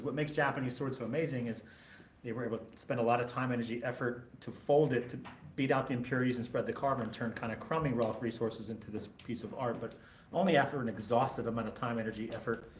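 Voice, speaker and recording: A man's voice: mid-range voice, fairly even intonation, quick pace. A man from South Jersey hosting a sword shop live stream, chatty and jokey, explaining at length. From South Jersey, USA. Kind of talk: casual live-stream sales chat. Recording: echoey shop room with faint noise.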